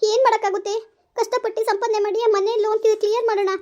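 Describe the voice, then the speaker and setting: A woman's voice: very high voice, steady tone, quick pace, a little mellow, muffled recording. A woman acting an exasperated young family member who argues back and pleads in a family quarrel. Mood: protesting. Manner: protesting, pleading. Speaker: actor in a village family skit. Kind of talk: amateur comedy skit acting.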